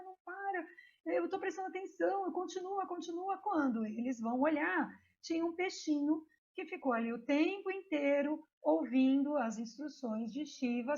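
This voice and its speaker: A high-voiced Brazilian woman teaching an online yoga course. She tells stories in an animated, chatty way, with many little asides. The recording is muffled and lo-fi. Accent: Brazilian Portuguese. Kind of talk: online course lecture with storytelling. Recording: dull lo-fi recording.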